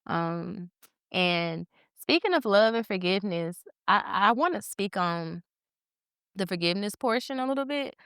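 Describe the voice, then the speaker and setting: Smooth-voiced soft-spoken woman guest. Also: mid-range voice, expressive, a little slow, no echo, clean studio sound. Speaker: podcast guest. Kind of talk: casual chat.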